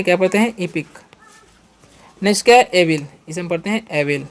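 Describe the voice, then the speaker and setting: A man with an Indian accent teaching English vocabulary in a lesson, repeating each question and answer and reading example sentences slowly and deliberately. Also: sits high.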